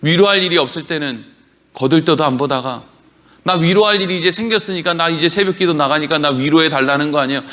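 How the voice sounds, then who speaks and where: A man's voice: a little high, fast talker, bright, forceful tone. A male pastor preaching a sermon in a church, emphatic, acting out prayers in mocking voices.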